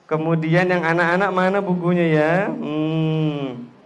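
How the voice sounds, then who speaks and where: A man's voice: a little high, fairly even intonation, unhurried. A man giving a playful talk to a group of children, teasing them and leading call-and-response chants into a handheld microphone. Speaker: children's speaker. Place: school hall with children.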